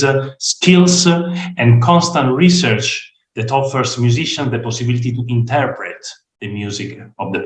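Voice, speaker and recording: A hoarse man giving an online lecture presentation, speaking hesitantly with many fillers. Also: mid-range voice, a bit bright. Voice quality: rough, croaky voice. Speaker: guest speaker. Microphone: video call. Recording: roomy echo.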